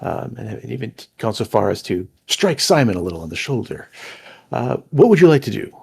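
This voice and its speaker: A man narrating as game master for an online tabletop game, with a halting delivery full of fillers. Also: on the low side, big pitch swings, gravelly, a little mellow, a little hiss or hum.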